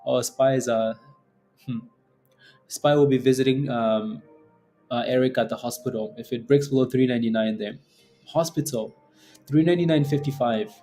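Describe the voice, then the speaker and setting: A man's voice: mid-range voice, normal speed, pauses often, mellow, soft background music. A man hosting a casual live trading stream, talking in slangy finance-bro style, blunt and exasperated, often repeating himself for emphasis. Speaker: day-trading livestream host.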